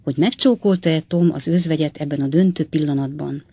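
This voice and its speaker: A woman narrating an audiobook as a calm storyteller who addresses her listeners directly. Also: sits low, breathy edge, no room sound.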